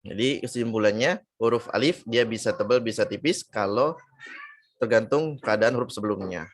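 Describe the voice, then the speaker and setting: During an online lesson, a man teaches Quran recitation, explaining with patience and stretching out and repeating example syllables to demonstrate the sounds. His voice is on the low side at a normal pace, with no room sound.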